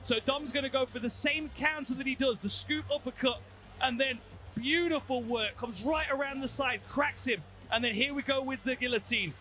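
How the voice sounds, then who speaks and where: A man's voice: extremely high pitch, moderate pace, pushed and bright, faint music behind. A man giving technical colour commentary on a mixed martial arts fight, explaining moves and tactics.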